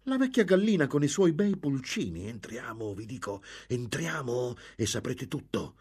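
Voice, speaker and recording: A man's voice: mid-range voice, big pitch swings, moderate pace, a little mellow, breathy edge, pitched above the performer's own voice. A man voicing a sly, cool-headed nobleman who talks in a wry, conspiratorial way.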